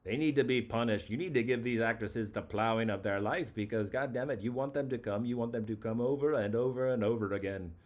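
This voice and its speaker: A man's voice: mid-range voice, brisk, hardly any pauses. A man hosting a comedic call-in show, talking in a mock-grandiose, rambling way that circles back on itself. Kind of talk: comedic late-night call-in talk.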